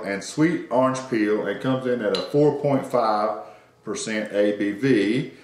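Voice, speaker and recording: A man's voice: medium pitch, roomy sound, slight background noise. A man co-hosting a casual beer review chat, reading notes with fillers and restarts. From North Carolina. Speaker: beer review podcast co-host.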